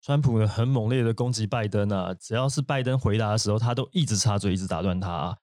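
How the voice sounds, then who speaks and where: A man's voice: lowish voice, fast talker, darkish tone, no echo, studio quality. A man hosting an English vocabulary lesson, explaining at length with fillers and asides. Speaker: podcast host.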